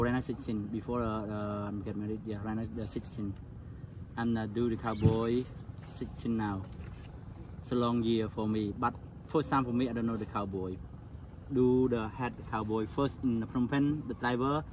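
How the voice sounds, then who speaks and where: A man's voice: medium pitch, background noise. A Cambodian man in his forties, a tuk-tuk driver, telling stories in broken English with a Cambodian accent, laughing often and acting out the voices of people he quotes. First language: Khmer. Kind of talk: casual storytelling interview.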